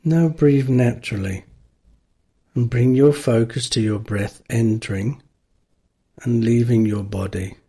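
A man guides a meditation in a calm, gentle way. His voice is slightly rough and husky, at a medium pitch. He speaks very slowly and leaves long pauses between instructions.

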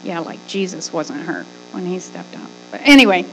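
This middle-aged woman pastor preaches at a moderate pace in a fairly low, slightly bright voice that is very animated. Her conversational sermon is emphatic and folksy, full of rhetorical questions, repeated phrases and acted-out asides. Soft music plays in the background of a rough recording.

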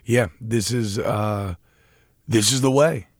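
A man's voice: on the low side, takes it slowly, dry recording, studio quality. A young man co-hosting a casual podcast, talking in a rambling, self-deprecating way with many restarts. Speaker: podcast co-host. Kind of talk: casual chat about a TV show.

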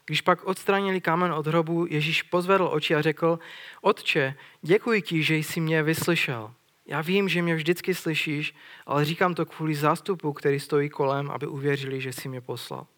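A man's voice: fairly high pitch, a bit bright. A man preaching a sermon in an earnest way, retelling a scripture story and putting questions to his listeners.

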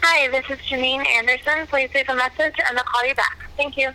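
A woman's voice: high voice, fairly even intonation, brisk, pushed and bright. A woman's polite, scripted voicemail greeting, heard over a phone on speaker. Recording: tinny phone line on speaker.

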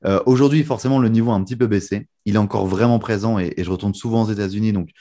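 A young man from France talks freely as a guest in an interview. His voice sits fairly low, and he drifts along with easy fillers and restarts. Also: very fast. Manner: relaxed, many fillers and restarts. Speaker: guest magician. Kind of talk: casual interview chat.

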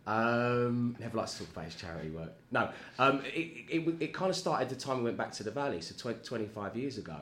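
A man's voice: mid-range voice, lively intonation, quick pace, hardly any pauses, fairly bright tone, slight background noise. A man in casual chat as a guest, rambling and self-deprecating, often laughing at himself. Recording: echoey room with faint ambience.

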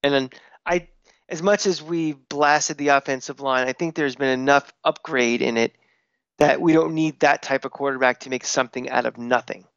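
A man co-hosting a casual sports podcast, blunt and opinionated, talking in quick bursts. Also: mid-range voice, steady tone, creaky, a bit bright, clean tone, no echo, highs cut off. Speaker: podcast co-host.

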